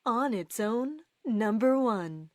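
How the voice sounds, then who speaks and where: Brief: woman bingo caller, very slow and deliberate, lively sing-song pitch, dry close sound. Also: dry recording. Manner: calls each number with its rhyme, slowly and clearly.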